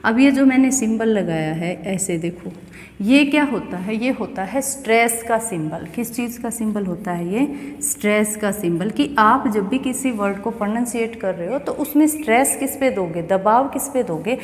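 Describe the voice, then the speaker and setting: A woman's voice: medium pitch, expressive, moderate pace. A woman from India teaching an English pronunciation lesson, explaining step by step and often asking the student questions. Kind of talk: classroom lesson. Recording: echoey room with long reverb.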